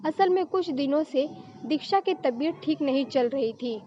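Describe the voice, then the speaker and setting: A woman narrating a story in a steady, plain telling style. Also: high-pitched, normal speed, dull audio, slight background noise.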